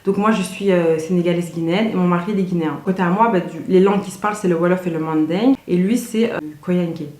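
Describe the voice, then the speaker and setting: A woman's voice: on the low side, quick pace, hardly any pauses, a little mellow. A young woman, talking casually to camera in a loose, slangy way, full of fillers and restarts. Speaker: vlogger. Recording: roomy echoey room.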